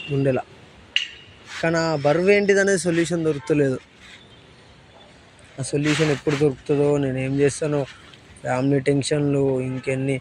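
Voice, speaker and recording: Quick-talking young man with a Telangana accent. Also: on the high side, background noise. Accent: Telangana Telugu. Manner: defiant, then dejected and weary. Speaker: vlogger. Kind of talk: arguing, then weary reflection.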